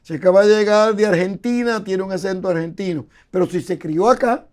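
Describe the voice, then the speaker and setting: With a high, slightly mellow voice and a somewhat fast delivery, an older Bible scholar explains things at length as an interview guest. His lecturing style leans on examples and frequent repetition of words.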